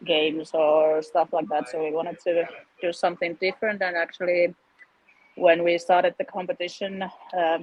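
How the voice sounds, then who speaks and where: A woman from Finland, a guest explaining a competition she founded, halting with fillers and laughing often. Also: fairly low pitch, flat delivery, darkish tone, muffled recording. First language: Finnish. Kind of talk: casual interview chat.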